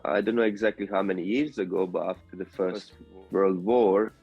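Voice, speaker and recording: A low-voiced man talks over a video call. A blocked nose and a fever leave him sounding muffled, as if he were inside a barrel. He gropes for words with many fillers while faint music plays in the background. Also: steady tone, moderate pace, husky. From Serbia. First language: Serbian. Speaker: interview guest. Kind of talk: casual remote interview chat.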